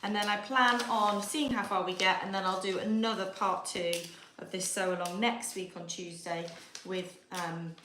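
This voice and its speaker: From Yorkshire, England, this woman hosts a live sewing tutorial in her home kitchen, chatting and thinking aloud as she works. Her medium-pitched voice is sharp in tone, fairly even in intonation, and moderately paced. The kitchen is echoey, with background noise.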